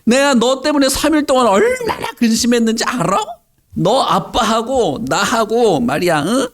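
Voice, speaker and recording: A frantic, exasperated mother scolds her lost boy in a high, shrill, nagging voice, as a preacher puts her on for a children's sermon. She sounds much higher than a grown man's normal voice and pushes every line out loud and fast. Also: very animated, full character voice. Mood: scolding.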